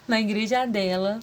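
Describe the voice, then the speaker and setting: A woman talking casually in a diary vlog, confessional and rambling, with quick asides to herself. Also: mid-range voice. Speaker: vlogger.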